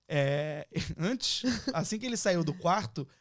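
A young Brazilian man with a fairly high voice tells a story in a relaxed chat. He recalls a prank with laughter, and his voice sounds dry and close, with no room around it. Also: slow, no echo. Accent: Brazilian Portuguese. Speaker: podcast guest.

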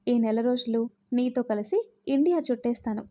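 A woman's voice: fairly high pitch, moderate pace, natural voice. A woman doing a cheerful young lover. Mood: playful. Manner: playful, lively. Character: cheerful, affectionate young man.

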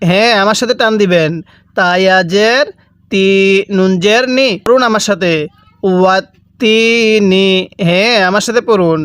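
Patient male Quran teacher, smooth dry voice. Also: high voice, a bit bright, dry recording. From Bangladesh. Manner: patient, repeats slowly and asks listeners to read along; draws out sounds syllable by syllable. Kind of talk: step-by-step spelling lesson for reciting Arabic letters.

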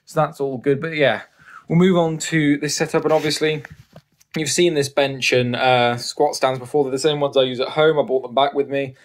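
A young man in his twenties chats casually while walking a handheld camera around a small bedroom. His talk is loose and self-deprecating, full of quick asides, with an ordinary middle pitch. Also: fairly even intonation. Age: 20s. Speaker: strongman vlogger. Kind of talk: casual home gym tour. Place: small university bedroom, indoors. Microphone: handheld camera, phone at arm's length.

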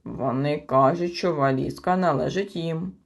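A woman's voice: unhurried, vocal fry, highs cut off, exaggerated voice. A woman doing a smug arguing storybook creature. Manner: smug and argumentative, lower than the narration. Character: clever, haughty male storybook creature.

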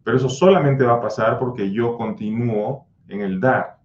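An anxiety coach hosting his own channel's livestream answers viewer comments bluntly, scolding and insisting while drilling repeated mantras. His mid-range, darkish voice moves at a moderate pace, and the sound is roomy and slightly dull.

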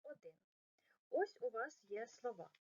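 A woman teaching a recorded primary school lesson for children, slowing down to stress each word carefully. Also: a little high, expressive, a little mellow, dull audio. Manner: slow, exaggerated stress on words.

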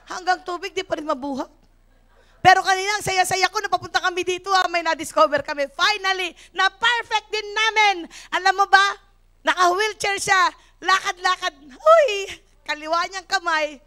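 A Filipino woman pastor in her fifties delivers a sermon in church. Her voice sits very high and sounds bright and forceful. She tells stories in an animated way and slips English phrases into her preaching. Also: moderate pace. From Philippines.

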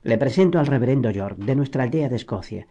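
A man reading the lines of a composed, earnest lawyer in an audiobook, speaking calmly. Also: mid-range voice, fast, muffled recording.

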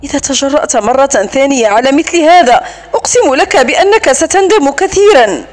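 A woman voicing a defiant, quick-tempered young noblewoman who answers with sharp, indignant retorts in a storybook reading. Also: high voice, lively intonation.

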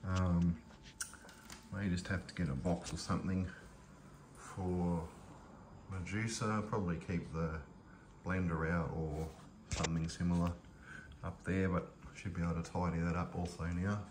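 Very low-voiced man rambling through a kitchen tour. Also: level tone, a little slow, darkish tone, a little hiss or hum. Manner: rambling, loose, many restarts and fillers. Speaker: vlogger showing his kitchen. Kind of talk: casual home tour, filmed on phone. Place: home kitchen and pantry, indoors. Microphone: handheld phone camera.

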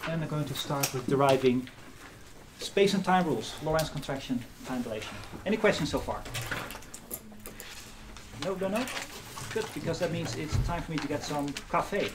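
A middle-aged university lecturer giving a live physics lecture in a hall, lively and often checking in with the class. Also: male voice, a little high, moderate pace, long pauses, noisy background. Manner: lively, asks the class questions.

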